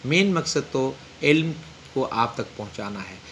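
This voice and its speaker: A man teaching an English textbook lesson, reading English slowly and explaining in Urdu with frequent pauses. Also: mid-range voice, expressive, a bit bright, slight background noise.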